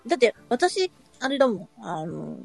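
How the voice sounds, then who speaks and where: A woman's voice: a little high, very animated, normal speed, vocal fry, husky, faint music behind. A woman with a Kansai accent, a guest joking around in a casual podcast chat. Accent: Kansai Japanese. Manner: playful, jokey.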